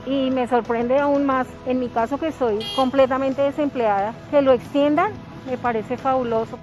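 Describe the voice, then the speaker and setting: A woman's voice: high voice, steady tone, moderate pace, a little mellow. A Colombian woman speaking plainly and gratefully in a testimonial video. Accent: Colombian Spanish. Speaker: program beneficiary in a testimonial video. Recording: lo-fi with music underneath. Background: music.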